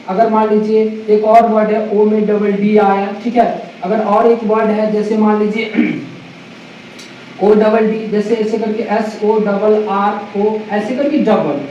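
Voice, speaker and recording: A woman's voice: a little high, warm tone. A woman English teacher giving a spoken pronunciation lesson, repeating each word and asking the viewer to say it back, with English phrases mixed into her explanation. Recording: echoey room, distant mic, faint hiss.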